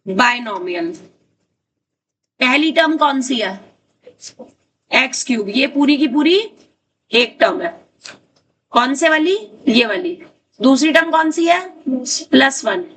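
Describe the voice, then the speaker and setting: A woman math teacher leads a class in a high voice, repeating each question until a student answers. She sits a little back from the microphone, and a faint hiss runs under her words. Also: lively intonation, fairly bright tone. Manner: brisk, repeats questions, calls on students by name. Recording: distant mic with faint noise.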